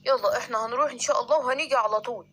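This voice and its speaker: A woman's voice: a little high, very fast, fairly bright tone. A woman with an Egyptian accent voicing a kind father lion who reassures his wife in a children's story. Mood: reassuring. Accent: Egyptian Arabic.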